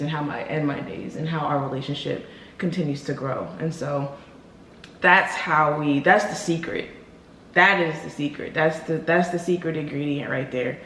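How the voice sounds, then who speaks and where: American woman vlogging in an echoey room. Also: low-pitched. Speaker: vlog host. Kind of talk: casual couple Q&A chat. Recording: roomy echo with clear background noise.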